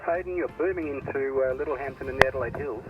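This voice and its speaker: A man on a ham radio call, heard through a radio receiver, quickly giving his call sign and a signal report. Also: medium pitch. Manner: quick, matter-of-fact call-sign talk. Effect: voice heard over a ham radio receiver. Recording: dull lo-fi radio sound with static.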